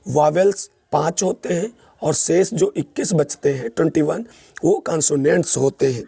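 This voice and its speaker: A man's voice: a little high, normal speed, gravelly, warm tone, slightly rough, dry recording. A man teaching English grammar in Hindi, mixing in English terms and asking and answering his own questions as he explains.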